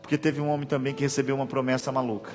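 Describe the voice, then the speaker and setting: A male pastor preaching a sermon in a church, swinging between hushed and shouted passages. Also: mid-range voice, flat delivery, very fast. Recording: long church reverb, soft music.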